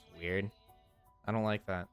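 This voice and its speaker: A livestreamer chatting casually and swearing freely, with the voice pitched down unusually deep so it sounds tired. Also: fairly even intonation, measured pace, clear, resonant tone, faint music behind. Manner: laid-back, rambling, swears freely. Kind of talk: casual stream chat.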